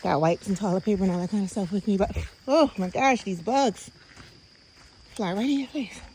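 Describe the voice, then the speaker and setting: A woman's voice: mid-range voice, normal speed, a little mellow, a little hiss or hum, rough recording. A woman casually vlogging as she walks a path outdoors by the water, chatting straight to her viewers. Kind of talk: casual walking vlog.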